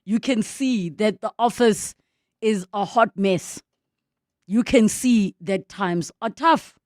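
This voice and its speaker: A woman's voice: medium pitch, slow, darkish tone, no echo, studio quality. A woman with a South African accent talking casually to listeners as a radio talk show host.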